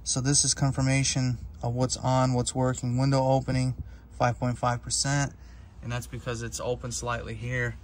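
A man working as an auto mechanic, casually talking through a hands-on demo of a diagnostic tablet from inside a car in a workshop, relaxed and matter-of-fact with a few fillers. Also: medium pitch, moderate pace, slight background noise. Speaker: auto mechanic reviewing a scan tool.

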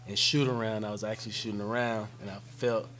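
A man's voice: lowish voice, level tone, fast talker, a bit bright, rough recording. A young man, a college basketball player, answering press conference questions hesitantly with many fillers into a desk microphone. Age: young adult. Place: press conference room, seated at table. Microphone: desk microphone on stand.

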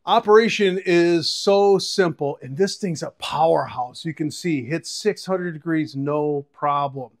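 Wearing a lapel mic indoors in his home kitchen, a man in his forties chats casually and eagerly to camera while showing off and reviewing a product. His voice is a little high, and he keeps a measured pace with few pauses.

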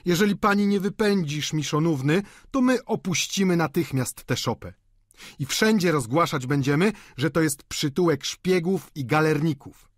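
A man's voice: on the high side, expressive, moderate pace, no echo, clean studio sound, voice pushed up. A man reading aloud voices a mocking, boisterous young painter with a raised, jeering delivery. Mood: indignant.

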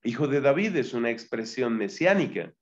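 A man teaching a Bible exegesis lesson as a friar, deliberate and repetitive, reading Greek terms aloud. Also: mid-range voice, very animated, muffled recording. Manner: deliberate, repeats key phrases, reads Greek terms aloud.

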